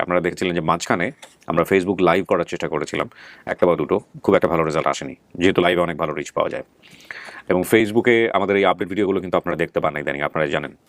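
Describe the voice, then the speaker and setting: A man hosts an online show, speaking casually, earnestly and reflectively to his viewers with fillers and restarts. His voice is low, and there's no echo.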